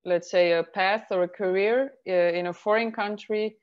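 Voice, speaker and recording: A woman from Estonia, a career advisor answering interview questions in a measured way, explaining things step by step. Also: mid-range voice, fairly even intonation. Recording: slightly muffled sound.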